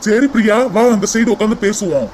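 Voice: medium pitch, lively intonation, fairly quick, darkish tone, a little hiss or hum, close to an everyday voice, low-quality recording. A voice actor playing an earnest young man coaxing his sweetheart in a cartoon. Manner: coaxing, keeps repeating her name. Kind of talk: cartoon voice acting.

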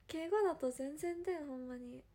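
A young woman from Hiroshima, speaking with a Hiroshima dialect, chatting casually and giggling as an idol on a livestream, answering viewer comments. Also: sits high. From Hiroshima, Japan. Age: young adult. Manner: chatty, giggly, drawn-out musing.

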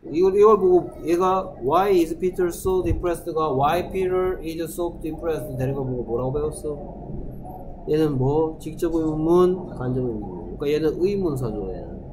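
A man's voice: a little high, background noise. Male teacher questioning his class. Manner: lively, questions students and answers himself; reads English sentences slowly. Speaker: English teacher. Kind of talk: classroom grammar lesson.

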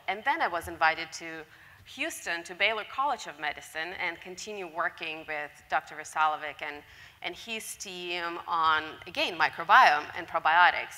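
A woman in her forties is interviewed on a conference stage, with a somewhat low but bright, forceful voice. She talks earnestly, stopping often on fillers. The sound carries a long hall reverb. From Lithuania. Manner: hesitant, many fillers, earnest. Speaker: guest microbiologist. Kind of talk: onstage interview.

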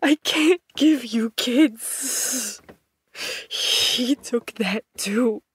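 A woman's voice: medium pitch, unhurried, darkish tone, dry recording, close to an everyday voice. A woman voicing Sam, a brooding, injured scientist in an audio drama, curt, bitter and self-doubting. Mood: despairing.

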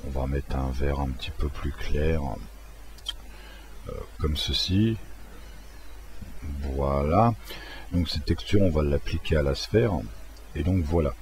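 Man, very low voice, casual screen-recorded tutorial, hesitant with lots of fillers. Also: slow, pauses often, darkish tone. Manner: hesitant, many fillers and restarts. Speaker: software tutorial maker.

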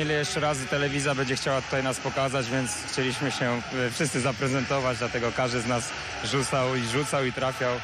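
A young male basketball player talks through a post-match interview in a flat, even tone, pausing often with fillers. His handheld mic picks up clear background noise from the arena. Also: medium pitch. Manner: hesitant, many filler sounds. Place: courtside interview wall in an arena. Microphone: handheld reporter mic.

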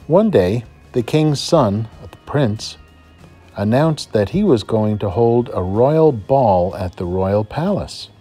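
A male teacher reads a children's fairy tale aloud with lively, rising and falling pitch. His voice is mellow and slightly husky, and his delivery is dramatic and expressive. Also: slow pace, faint music behind. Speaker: first-grade teacher. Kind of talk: storybook read-aloud.

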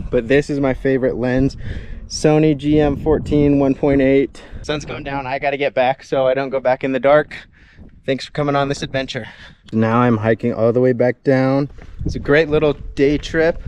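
A man's voice: mid-range voice, fairly even intonation, moderate pace, a little mellow, a little hiss or hum. Upbeat young man vlogging on a hike. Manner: chatty, upbeat, explains gear as he goes. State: out of breath at times. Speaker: outdoor photography vlogger. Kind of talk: casual vlog narration while hiking. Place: outdoors on a desert hike. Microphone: action camera mic.

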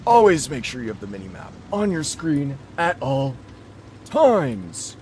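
A man doing an excitable old tank gamer in a strained high put-on voice, coaching viewers and exclaiming loudly during live-stream gameplay commentary. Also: measured pace, slight background noise.

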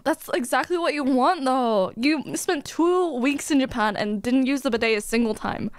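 A woman's voice: sits high, moderate pace, dry recording, clean studio sound. A woman streaming a game, chatting casually with a friend in a playful, teasing way and laughing often. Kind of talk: casual chat on a gaming stream.

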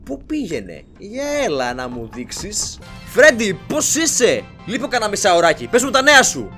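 Man, let's play host, jokey gameplay commentary, lively swinging pitch, slightly high voice. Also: faint music behind. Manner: excitable, jokey, shouts at game characters.

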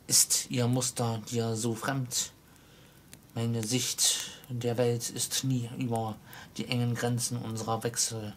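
A man reading the part of a chained ghost of an old miser, speaking in a solemn, slow, mournful way. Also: medium pitch, fairly bright tone, slight background noise. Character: ghost of an old male miser, grave, sorrowful, bound in chains.

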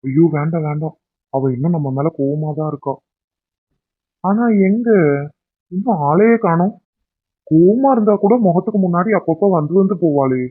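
A man's voice: on the high side, lively intonation, moderate pace, pauses often, slightly rough. A man voicing a pleading cartoon husband. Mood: worried, pleading. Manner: pleading, affectionate. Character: young husband pleading to make up with his wife. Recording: tinny phone-like sound.

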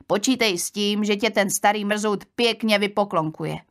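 A woman's voice: mid-range voice, fairly bright tone, lightly acted. A woman reading an audiobook, voicing a curious, gossiping young village woman who pries and exclaims. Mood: nosy, astonished. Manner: prying, exclaiming. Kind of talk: audiobook character voice.

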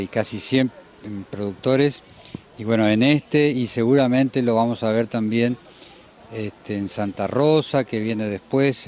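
Male interviewee, 60s, mid-range voice, explains things carefully and haltingly into an outdoor reporter's mic. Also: mid-range voice, darkish tone. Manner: measured, hesitant, frequent pauses mid-phrase. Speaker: institute president, interviewee. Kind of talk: news interview, unscripted explanation. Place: outdoors at cattle pens. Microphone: handheld reporter microphone.

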